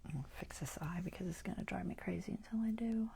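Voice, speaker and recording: A woman whispering softly as she paints, thinking aloud about colors and brushstrokes. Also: fairly low pitch, quick pace, gravelly, slight background noise.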